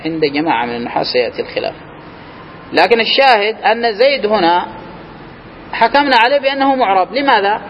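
Male teacher, high voice, quizzes the class as he explains, muffled recording with a long hall echo. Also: lively intonation, quick pace, long pauses. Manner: explains step by step, quizzing students with questions. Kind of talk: classroom grammar lesson. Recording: reverberant room, muffled, faint hiss.

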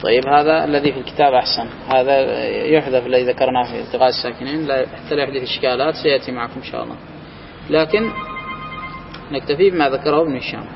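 A man's voice: medium pitch, rapid-fire, creaky. A man teaching a grammar class to students in person, explaining step by step and testing them with questions as he goes. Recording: reverberant room, muffled, faint hiss.

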